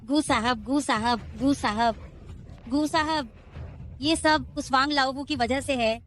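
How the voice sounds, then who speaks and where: A woman's voice: sits high, takes it slowly. A groveling greedy mother. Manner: pleading, whining. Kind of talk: dubbed drama acting.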